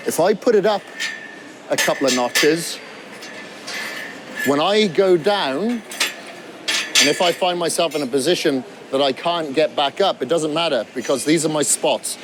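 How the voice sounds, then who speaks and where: A man's voice: on the high side, unhurried, pauses often, background noise. A man coaching beginners through a gym workout, talking while he demonstrates exercises and sometimes out of breath. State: out of breath at times. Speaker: fitness trainer.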